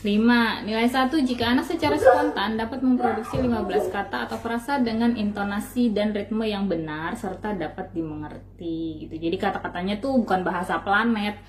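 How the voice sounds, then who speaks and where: A woman's voice: medium pitch, a little fast, few pauses. Chatty woman explaining child development. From Indonesia. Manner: chatty, loose explaining with fillers and acted-out examples. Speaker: parenting channel host. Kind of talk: casual instructional talk.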